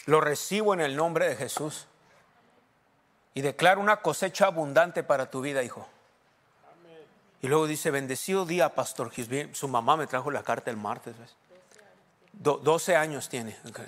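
Mexican pastor guy preaching, kinda high voice, goes quiet then shouts. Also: normal speed, long pauses. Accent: Mexican Spanish. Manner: swings from low murmurs to loud shouted preaching. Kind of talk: sermon.

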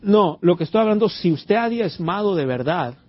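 A pastor preaches a sermon in church, quizzing the congregation and interjecting amens and hallelujahs in a preachy manner. His voice sits high, with lively intonation at a normal speed. The recording is dull lo-fi church audio.

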